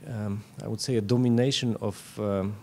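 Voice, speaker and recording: Man, lowish pitch, interviewer, halting analytical phrasing, faint noise behind. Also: steady tone, mellow. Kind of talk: interview questioning. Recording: background noise.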